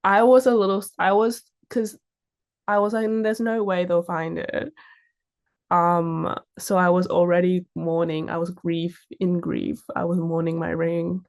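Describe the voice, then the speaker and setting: With an unhurried, lowish voice that barely shifts in pitch, a young fashion model from Sydney, Australia, chats as an interview guest. She tells stories in a casual, informal way with an Australian accent.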